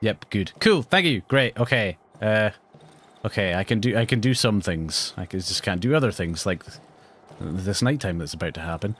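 A man streaming a horror game, talking to his viewers as he plays, jumpy and quick to swear. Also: lowish voice, expressive, a bit bright. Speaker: let's play streamer. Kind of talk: live gameplay commentary.

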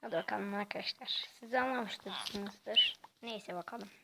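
A woman giving casual, quiet gameplay commentary in a soft, halting way. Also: mid-range voice, vocal fry, very noisy. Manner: talks quietly and softly; halting, hesitant delivery. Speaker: gaming channel host.

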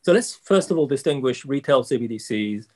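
A man in his sixties joins a panel over a video call. His voice sits at a middling pitch, and he talks in a measured, courteous way full of fillers. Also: expressive, a little mellow. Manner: measured, many fillers, polite turn-taking. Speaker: panelist, central bank economist. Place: office with logo backdrop.

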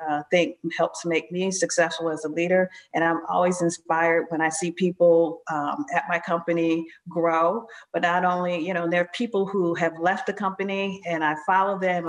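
A woman who leads a company, talking earnestly and reflectively as an interview guest, with frequent fillers. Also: on the low side. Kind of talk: casual interview conversation.

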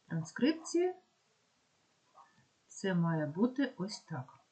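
A woman with a Ukrainian accent, teaching a pronunciation lesson and slowly spelling out example words with care. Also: on the low side, big pitch swings, mellow. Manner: slow, careful dictation of examples. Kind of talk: explaining phonetics lesson.

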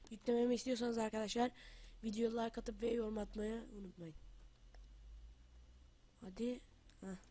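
A woman hosting her gaming channel while down with the flu, talking through her game in a loose, chatty way. She shouts excited trash talk at other players, then sinks into low, half-whispered muttering as she plans her moves. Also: moderate pace, long pauses. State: has the flu. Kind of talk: casual gameplay commentary.

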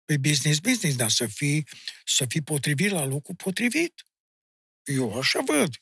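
Guesting on a relaxed podcast, a middle-aged folk singer and music teacher with a Maramureș Romanian accent spins stories in a husky voice that swings widely in pitch. Emphatic and insistent, he addresses the host bluntly with "mă" and "domne". The sound is dry, close-miked, and free of room sound.

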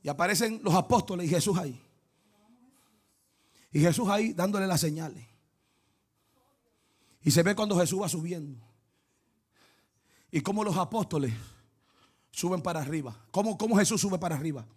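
A male pastor preaching a sermon, moving between quiet storytelling and shouted, chanting praise aimed at the congregation. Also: high-pitched, animated, normal speed, long pauses, husky. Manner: calls out to the congregation and cries out "woo".

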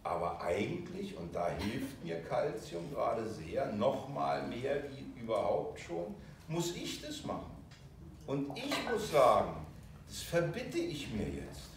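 A man's voice: medium pitch, slow pace, vocal fry, a little hiss or hum. A man teaching a video course. He gives an emotional lecture and acts out the voices he quotes. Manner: animated, acting out quoted voices. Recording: very echoey room from far off.

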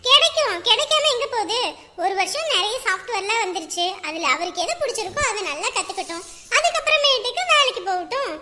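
A young woman acting a gentle, devoted married woman in a family drama, speaking softly and reassuringly. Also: extremely high pitch, sing-song, fast talker, heavy background noise. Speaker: actor.

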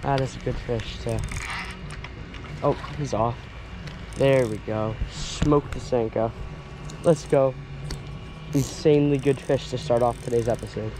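A young American man from the northern United States hosts an outdoor fishing vlog, speaking informally and with slang straight to his viewers on lawns and lakeside. His medium-pitched voice is steady and unhurried, with long pauses. There is background noise, and the audio comes from a handheld or body-worn action camera.

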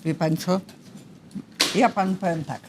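A woman's voice: fairly low pitch, unhurried, noisy background. An old woman in her seventies speaking in a casual interview, polite but insistent, with a folksy manner. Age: 70s. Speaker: interviewee, retired grandmother.

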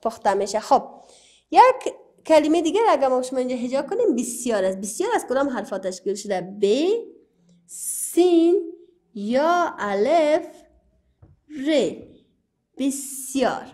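Woman teacher in Afghan Dari, lively. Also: high-pitched. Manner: spells out letters and syllables slowly, repeating words; asks questions, then answers them herself. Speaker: primary school teacher. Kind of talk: recorded classroom lesson.

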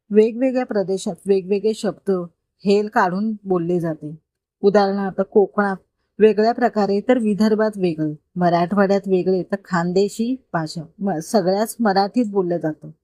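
Storybook mentor: woman reading a warm-hearted, confident man, gently explaining, mid pitch, dry sound. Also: dry recording, close to an everyday voice. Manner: patient, gently persuasive explaining. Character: kind, confident grown man mentoring a boy. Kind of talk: storytelling read-aloud.

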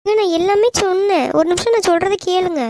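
A woman voicing a gentle, devoted young wife in a cartoon, talking in an earnest, pleading way. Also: very high voice, quick pace, no echo. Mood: hurt, pleading. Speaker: voice actor. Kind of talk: animated cartoon dialogue.

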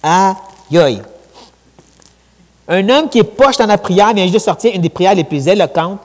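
Quebec French preacher in a reverberant church. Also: male voice, high voice, measured pace. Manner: animated, conversational preaching with colloquial asides. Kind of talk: sermon. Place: church sanctuary. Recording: long church hall reverb.

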